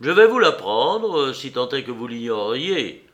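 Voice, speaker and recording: A man voicing a severe police commissioner who questions a suspect sharply and loudly. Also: fairly high pitch, animated, measured pace. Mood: stern. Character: stern, probing male police commissioner.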